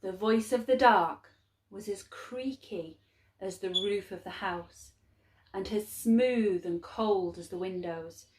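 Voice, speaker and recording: A woman reading a story aloud to young children in a measured, expressive way with clear phrasing. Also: mid-range voice, roomy sound, poor audio.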